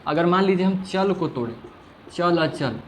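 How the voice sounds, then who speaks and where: With a high voice, lively intonation, and an unhurried pace, a man leads a classroom grammar lesson. He repeats the same question many times, stretches sounds out as examples, and checks understanding often. Slight background noise is audible.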